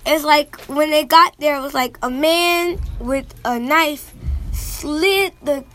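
A woman's voice: sits high, slow, a bit bright, slight background noise, rough recording. A young woman from Miami hosting a casual talk show, telling stories in a rambling way. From Miami, Florida. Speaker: host.

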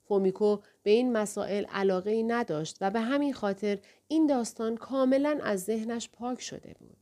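A woman narrating a novel in a calm, steady reading voice. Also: on the high side. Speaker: audiobook narrator. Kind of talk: scripted narration.

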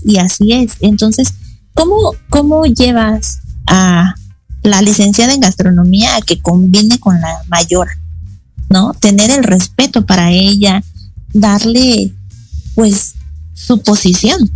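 Husky-voiced woman telling stories. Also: medium pitch, darkish tone, poor audio. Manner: chatty storytelling, acting out quoted voices. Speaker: guest chef. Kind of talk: casual radio interview.

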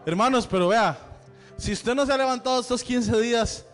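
High-voiced pastor in a reverberant church. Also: male voice, moderate pace. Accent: Central American Spanish. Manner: chatty, joking with the congregation. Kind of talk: church announcements. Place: church sanctuary. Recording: long hall reverb with faint music.

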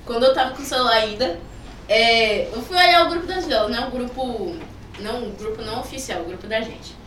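Brief: young Bahian woman, giggly rambling storyteller, slightly high voice, echoey room, distant mic. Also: expressive, a little fast, a bit bright, slight background noise. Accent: Bahian Portuguese. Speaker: youth orchestra viola student guest. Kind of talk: casual chat.

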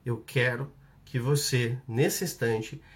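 Speaking slowly with a medium pitch and fairly even intonation, a Brazilian Portuguese-accented man coaches a live audience through an exercise. Instructions get repeated, and he checks in using brief tags.

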